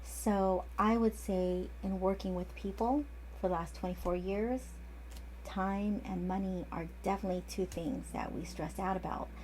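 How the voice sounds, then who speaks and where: Her medium-pitched voice is steady and a little mellow, moving at a moderate pace over slight background noise. A forties-aged acupuncturist, she delivers casual instruction in a chatty, digressive way, often restarting her sentences.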